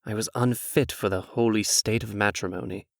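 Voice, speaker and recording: A man's voice: on the low side, steady tone, moderate pace, no echo. Man acting suave, scheming Prince Charming, recorded dry. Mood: falsely contrite. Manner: smooth-talking, theatrical, falsely humble. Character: suave, vain, scheming storybook prince and ex-husband. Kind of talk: comic dub acting.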